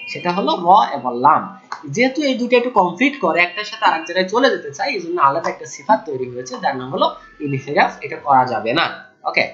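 A man from Bangladesh teaching Quran pronunciation in an online tajweed lesson, who patiently repeats sounds slowly and keeps saying "okay". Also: high-pitched, a bit bright, highs cut off.

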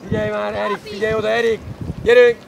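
High gravelly coach shouting from the sideline. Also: male voice, big pitch swings, background noise. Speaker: youth football coach. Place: outdoor football pitch. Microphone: distant camera microphone. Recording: far-off outdoor match recording. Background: crowd at a youth match.

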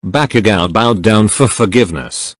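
A man's voice: fairly low pitch, moderate pace, no echo, clean studio sound. A young man casually reading a fan comic aloud, narrating panel notes with playful asides. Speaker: comic reader.

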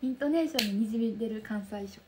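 Young kansai girl chatting on her stream, soft and bubbly, bit high pitched, faint background noise. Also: fast talker. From Kansai region of Japan. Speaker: livestream host. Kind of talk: casual livestream chat reading viewer comments. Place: room lit by daylight.

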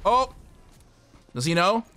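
A young man giving excitable live commentary while streaming a shooter game, swearing casually and talking to his chat and teammates. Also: sits high, slow pace, faint music behind. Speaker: gaming streamer.

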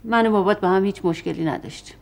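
A woman's voice: mid-range voice, vocal fry, a little mellow, natural voice. An actress playing a doting middle-aged mother in a televised stage drama, soothing and fussy by turns. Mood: tender. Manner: soothing then exasperated.

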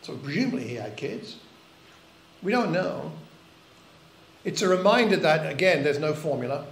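Preaching at a moderate pace in a church hall, an older man sounds earnest and reflective and often asks rhetorical questions. His voice runs a little high with big pitch swings, captured in an echoey church recording.

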